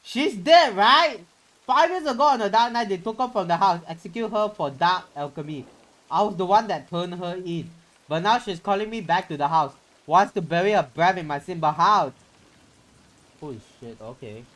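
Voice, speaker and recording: Animated and a bit bright, this man's high-pitched voice moves at a normal pace on a rough recording with music in the background. As host of a casual game stream, he dramatically reads the story text and adds informal commentary laced with mild swearing.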